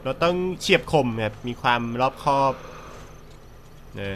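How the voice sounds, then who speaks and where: A man hosting a gaming channel, commenting on his play in a playful, joking way, politely chatty and breaking into excited yells and laughter. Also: mid-range voice, measured pace, slight background noise. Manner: polite, peppers speech with polite particles. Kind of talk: let's-play game commentary.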